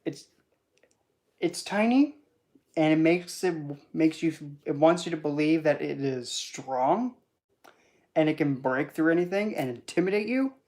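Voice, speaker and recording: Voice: medium pitch, expressive, unhurried, darkish tone. Rambling, chatty spiritual teacher. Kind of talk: casual esoteric teaching talk.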